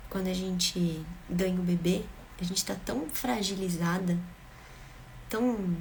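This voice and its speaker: A woman's voice: lowish voice, steady tone, a little slow, creaky, darkish tone, a little hiss or hum. Earnest woman giving emphatic parenting advice. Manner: earnest, emphatic, repeats phrases for rhythm. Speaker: parenting vlogger. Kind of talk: direct-to-camera parenting advice.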